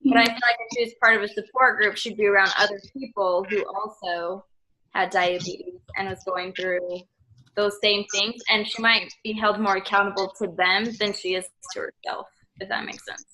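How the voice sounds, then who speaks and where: A woman's voice: medium pitch, fairly even intonation, normal speed, bright, forceful tone, rough recording. A young woman from Idaho, a student chatting casually on a video call, full of fillers. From Idaho, USA. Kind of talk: casual group discussion.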